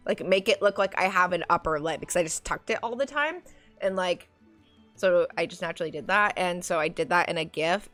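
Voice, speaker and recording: A woman streamer chats casually while gaming, rambling and using plenty of fillers, with a cackling laugh. Her voice is lowish, fairly bright, and nasal.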